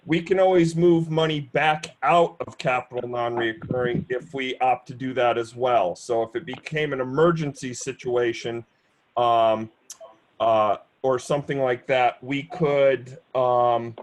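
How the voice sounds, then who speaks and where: A man chairing a town board of finance meeting over a video call, speaking in a measured, steady way with frequent fillers. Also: medium pitch, slight background noise, low-quality recording. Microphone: computer mic on a video call.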